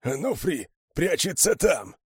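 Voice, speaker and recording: Мужчина изображает пьяного седого Крюгера. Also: male voice, on the high side, very animated, measured pace, darkish tone, breathy edge, no echo, clean studio sound, voice pushed up, heavily acted. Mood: drunken vengeful. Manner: drunken, tearful bellowing. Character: drunk grey-haired man with iron arm, weepy and wild.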